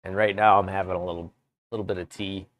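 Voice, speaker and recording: A man streaming live from his woodworking shop, chatting casually with viewers in a relaxed, rambling way. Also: low voice, quick pace, dry recording. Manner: relaxed, rambling, chats with viewers between tasks. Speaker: woodworking livestreamer. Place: home workshop.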